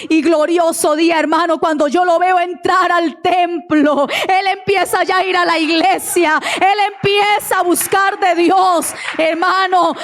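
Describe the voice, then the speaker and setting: A woman with a Colombian Spanish accent giving an emotional testimony in a church sermon, fervent and rising to near-shouts at high points. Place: church service.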